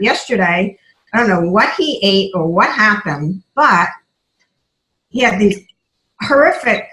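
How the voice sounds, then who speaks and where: A woman's voice: mid-range voice, pushed and bright, reverberant, low-quality recording. A woman, a health coach who now sells essential oils, telling her story in an earnest, emotional way and acting out what people said to her. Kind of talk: casual personal testimony.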